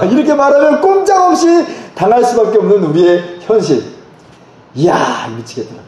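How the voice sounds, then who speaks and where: A middle-aged male pastor telling a personal story during a sermon, with animated, laughing delivery. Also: sits high, normal speed. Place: church sanctuary. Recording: echoey church hall.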